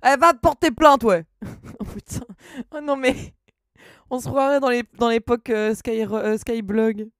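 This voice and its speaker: A woman's voice: on the high side, a little slow, a little mellow, smooth, no echo, clean studio sound. A woman streaming live, chatting casually and reading her chat aloud, laughing often.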